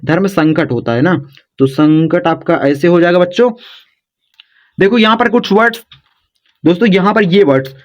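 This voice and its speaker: Friendly male teacher, high-pitched, repeats and coaxes, casual lesson on a muffled recording. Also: moderate pace, long pauses. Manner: repetitive, coaxing, says "dekho" and "yaar" often.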